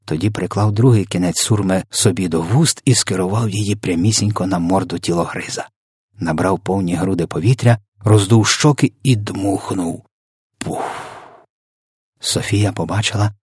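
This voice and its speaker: A man reading a children's story aloud in an expressive, dramatic narration. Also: fairly low pitch, breathy edge, no echo, clean studio sound. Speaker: audiobook reader.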